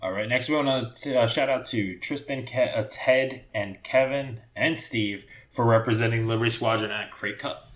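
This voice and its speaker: A man's voice: medium pitch, moderate pace. A man hosting a podcast in casual chat, his audio echoing in an untreated room. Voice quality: echoey sound. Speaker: podcast host. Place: new home studio still being set up.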